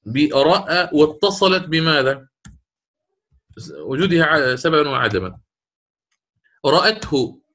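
A man's voice: a little high, pushed and bright. A middle-aged sheikh teaching Quran recitation rules in a classroom lecture, explaining step by step, repeating key words and quizzing his students.

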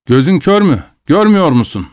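A man's voice: fairly high pitch, sing-song, normal speed, darkish tone, voice pushed up. A man voicing a stubborn, cheeky peasant woodcutter who talks back defiantly. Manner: defiant, mocking.

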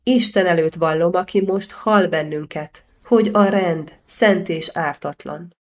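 A proud old grand master thunders his innocence in a ringing, raised voice, as a woman reading a storybook puts him on. The tone is lower than bright, set against a plain reading. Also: close to an everyday voice. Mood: defiant. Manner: loud, ringing protest.

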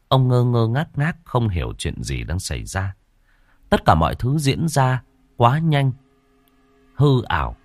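Expressive male storyteller. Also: deep voice, slightly rough, no echo. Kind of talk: dramatic ghost story narration.

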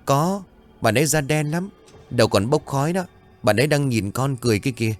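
A man's voice: medium pitch, expressive, fairly quick, soft background music, pitched above the performer's own voice, lightly acted. Man putting on a little kid voice, eager and pleading, bouncy. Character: small village boy, eager and playful.

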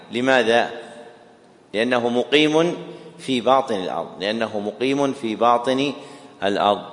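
A man teaching a class, explaining a text, repeating key phrases and quizzing his listeners. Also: medium pitch. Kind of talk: classroom lecture. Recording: echoey hall with long reverb.

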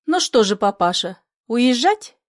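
A woman's voice: fairly high pitch, big pitch swings, measured pace, dry recording, studio quality. A woman reading an audiobook, voicing a bold, proud young mother with a commanding manner.

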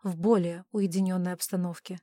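A woman's voice: fairly low pitch, little pitch movement, a little fast, warm tone, no echo, clean studio sound, natural voice. A woman voicing a tender, protective young husband in an audiobook.

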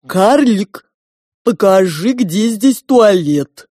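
Woman doing a pompous two-headed pig lady, very slow drawl, dark mellow tone, dry close sound. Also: mid-range voice, animated, no echo. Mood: ponderous. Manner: slow, ponderous, drawn-out speech. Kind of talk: audiobook character voice.

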